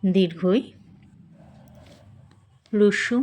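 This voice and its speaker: Female teacher, unhurried delivery, patient, sounds out every syllable carefully. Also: mid-range voice, steady tone, a little mellow. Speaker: Bengali spelling teacher. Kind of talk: slow instructional lesson.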